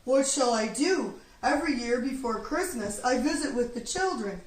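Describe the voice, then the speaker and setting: Lady doing kind old santa man for a kids book, gentle n earnest, roomy sound. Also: high voice, lively intonation, moderate pace. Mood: worried. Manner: kindly, earnest, exclaiming. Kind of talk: children's storybook read-aloud. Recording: roomy, distant, faint background noise.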